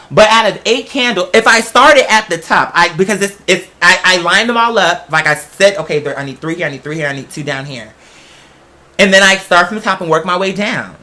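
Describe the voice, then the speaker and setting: A podcast host rambles casually to an audience in a bright, forceful voice of middling pitch. The delivery is slangy and emphatic and often drifts into tangents.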